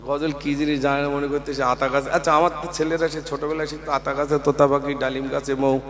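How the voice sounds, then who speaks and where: A man's voice: fairly high pitch, level tone, fast talker. A man preaching a fiery sermon at a religious gathering, rising into sing-song chanting and calling out to the crowd. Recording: long reverb with faint mains hum.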